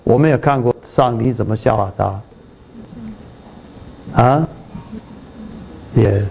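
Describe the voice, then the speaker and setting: A man's voice: mid-range voice, takes it slowly, vocal fry, darkish tone, slight background noise, poor audio. A man giving a sermon on a Bible passage, repeating and restarting his words, reading scripture aloud with lifted emphasis and often asking if his listeners follow. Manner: repetitive, restarts words, checks in with the audience. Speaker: preacher.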